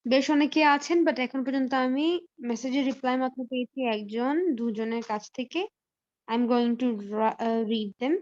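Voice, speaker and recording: A woman with a high voice teaches English in a live online class. She explains step by step, pausing on fillers and slipping in English phrases. Her audio sounds a little dull and lo-fi, like a computer mic on a call. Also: fairly even intonation, a little mellow.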